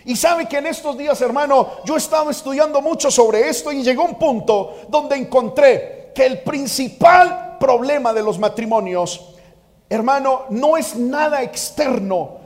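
A man preaching a sermon as pastor, fervent, moving from quiet asides to shouted exhortation. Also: extremely high pitch, lively intonation, unhurried. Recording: reverberant church hall.

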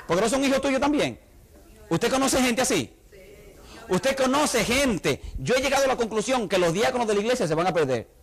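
Man, high voice, pastor, lively sermon, rhetorical questions. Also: brisk, gravelly. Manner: animated, humorous preaching with rhetorical questions to the congregation. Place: church.

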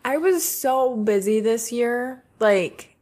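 Young woman, husky voice, podcast co-host, sarcastic casual chat. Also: a little high, expressive, slow pace, a little mellow. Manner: chatty, sarcastic, swears casually.

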